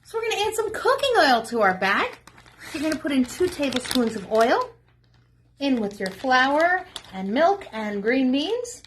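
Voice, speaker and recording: A children's librarian reading a story aloud while walking kids through a simple snack recipe in a lively sing-song manner, recorded at home for a remote program. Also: female voice, high voice, a little slow, a little hiss or hum. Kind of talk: storytelling cooking demo for children. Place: home kitchen, remote video.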